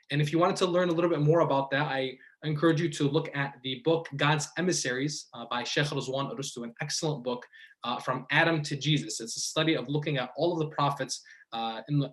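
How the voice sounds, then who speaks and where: A Michigan man from around Detroit and Dearborn offers a contemplative religious lecture. His voice is a touch high with a fairly bright tone, and his delivery is measured, punctuated by pauses and questions meant to make listeners think.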